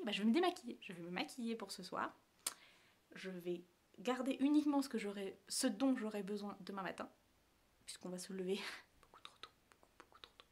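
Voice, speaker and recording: A woman's voice: mid-range voice, darkish tone. A woman, chatting casually as a beauty vlogger. Her talk rambles, with many fillers and self-corrections, and she often drops to a near-whisper. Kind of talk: casual chat showing her travel makeup bag.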